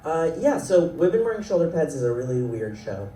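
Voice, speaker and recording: His voice is fairly high, very animated, brisk, and dark-toned. A South Florida man in his thirties with Ecuadorian roots, he's an animation writer and creator on a festival panel, talking in a rambling, self-deprecating way with plenty of laughter. Faint noise and roomy sound come from a distant mic in the panel hall.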